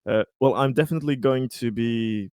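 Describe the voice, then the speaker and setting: Playing a tabletop roleplaying game, a man describes what his character does in casual, halting, tentative phrases. His voice is medium-pitched and a little mellow, captured in a dry, clean studio recording.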